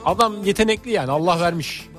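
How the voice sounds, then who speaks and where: A man's voice: high-pitched, fast talker, fairly bright tone, soft background music. A man co-hosting a radio show, giving short casual replies and bantering with the host.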